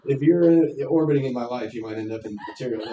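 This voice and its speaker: A man's voice: medium pitch, fast talker, roomy sound, lo-fi sound, a crowd in the background. A man, a stand-up comedian guest, telling rambling, sarcastic stories in a casual interview chat. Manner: rambling storyteller, jokey and sarcastic.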